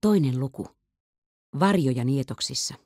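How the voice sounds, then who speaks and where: Audiobook narration, woman, low husky voice, lively intonation. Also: no echo, clean studio sound. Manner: expressive reading with lively intonation. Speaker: audiobook reader. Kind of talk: scripted narration.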